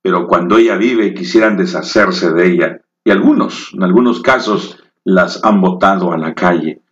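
Male preacher, low voice, slow heartfelt sermon delivery, roomy muffled recording. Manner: slow, emotive storytelling with rising dramatic peaks. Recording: echoey, dull lo-fi room.

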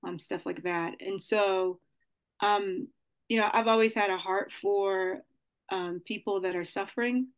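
Woman from Nigeria, mid-pitched, thoughtful and halting, filler-heavy. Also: fairly even intonation, clean tone. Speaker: guest, nonprofit CEO. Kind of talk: casual interview answers.

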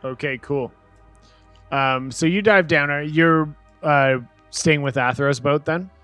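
Relaxed man running a tabletop game. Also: fairly high pitch, takes it slowly, smooth, no room sound, soft background music. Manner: relaxed, laughs easily, voices side characters. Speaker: game master.

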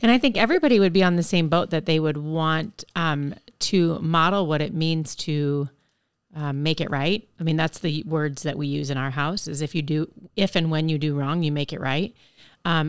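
Podcast co-host, woman with a lower voice; conversational, encouraging, dry room sound. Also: moderate pace, clear, resonant tone, dry recording. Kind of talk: conversational interview.

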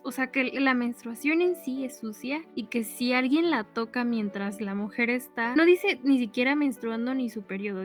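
High-voiced woman, earnest. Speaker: guest. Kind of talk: casual chat.

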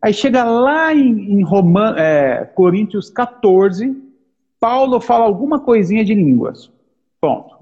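A man, co-hosting a casual theological discussion, talking in an animated, emphatic way and repeating his points. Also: high voice, measured pace, husky, highs cut off. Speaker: podcast co-host.

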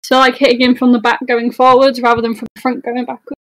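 A woman playing in an online tabletop game, excitable and quick to cheer. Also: on the high side, dry recording, rough recording. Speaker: player. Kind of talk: casual tabletop play over voice chat.

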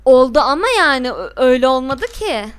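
Brief: young woman with a fairly high, smooth voice, emphatic and blunt in casual chat. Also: animated, a little fast. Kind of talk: casual chat about a TV series.

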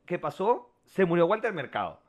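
A man's voice: high-pitched, normal speed. A man with a Venezuelan accent, co-hosting a podcast and telling stories in slangy casual chat. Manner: slangy and animated storytelling. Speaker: podcast co-host.

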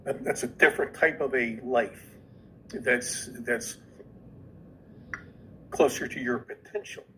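A man's voice: mid-range voice, slow pace, pushed and bright, slight background noise, low-quality recording. A man who is a podcast guest, earnestly explaining an idea and often repeating words as he goes.

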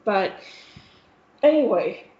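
A woman's voice: medium pitch, animated, slow pace. A woman co-hosting a podcast, telling a rambling, profane story full of fillers. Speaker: podcast co-host. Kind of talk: casual chat. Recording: echoey room, dull lo-fi sound.

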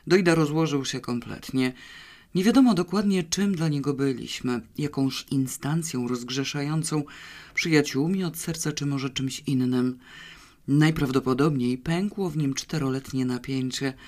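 A reader narrating a novel in a measured, wry manner. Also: mid-range voice, darkish tone. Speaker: audiobook reader. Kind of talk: scripted narration.

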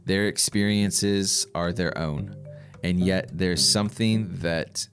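A man's voice: sits low, steady tone, takes it slowly, faint music behind. An American man hosting a conversational podcast interview, phrasing his thoughts in a hesitant, thoughtful way. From rural Indiana, USA. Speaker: podcast host, communication professor.

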